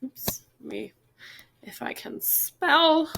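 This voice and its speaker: A woman with a hoarse voice teaches a chemistry class. She explains each step patiently and methodically, tying the steps together with a steady "all right" and "okay". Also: sits high, takes it slowly, a little hiss or hum. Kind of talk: classroom lesson.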